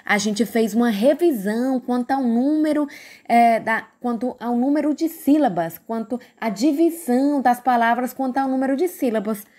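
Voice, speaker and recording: A woman's voice: on the high side, moderate pace, warm tone. A woman with a Brazilian Portuguese accent teaching a recorded grammar lesson, patiently stretching out words and asking the class questions.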